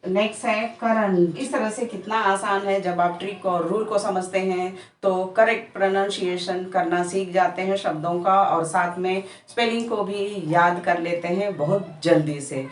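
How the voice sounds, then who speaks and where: A woman's voice: lowish voice, fairly even intonation, normal speed, few pauses, distant mic, slight background noise. A woman teaching a patient spoken lesson, drawing out each example word one by one. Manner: stretches out example words one by one. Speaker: English teacher. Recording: echoey room, voice a bit off-mic.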